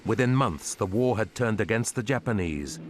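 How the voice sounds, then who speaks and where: A man narrating a documentary in a grave, even, scripted way. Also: on the low side, normal speed, background noise. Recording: narration over loud music.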